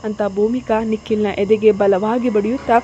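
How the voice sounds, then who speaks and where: A woman narrates a serialized drama in an emotive, storytelling manner. Her voice sits a little high yet sounds dark and mellow. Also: steady tone, moderate pace, lo-fi sound, a little hiss or hum.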